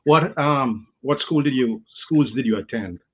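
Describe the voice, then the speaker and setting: A man hosting an interview show, asking questions in a measured way with frequent ums. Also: medium pitch, slightly rough, narrow, tinny audio. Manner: measured, hesitant with fillers. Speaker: host. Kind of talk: radio interview.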